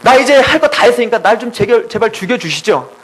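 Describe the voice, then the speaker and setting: A man's voice: very high-pitched, animated, fast, a bit bright, slightly rough, exaggerated voice. A man voicing a sulking prophet who whines and pleads to be left to die, in a sermon retelling. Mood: whiny. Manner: complaining, pleading. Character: sulking prophet man, whiny and self-pitying.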